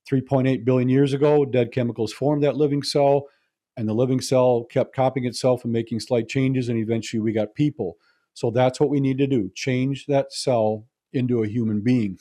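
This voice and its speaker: A man's voice: medium pitch, dark tone. A man giving a lecture to an audience, explaining his points in a conversational, humorous way. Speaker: speaker.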